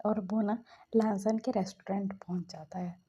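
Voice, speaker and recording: A woman retelling a romance fan story in a chatty, often half-whispered way, with a husky, breathy voice. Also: medium pitch, steady tone, moderate pace, mellow.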